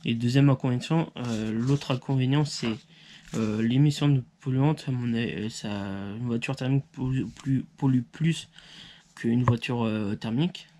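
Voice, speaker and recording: A man's voice: medium pitch, moderate pace, warm tone, slight background noise. A man hosting his channel, explaining a topic in an informal way, full of fillers, restarts and self-corrections. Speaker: YouTube channel host. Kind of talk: informal educational talk, partly read.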